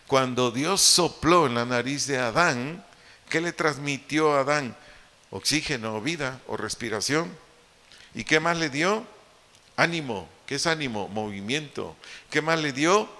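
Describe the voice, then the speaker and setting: A man's voice: mid-range voice, pushed and bright. A man preaching a sermon with a Mexican Spanish accent, teaching step by step, repeating key points and putting questions to the congregation. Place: church hall. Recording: long hall reverb.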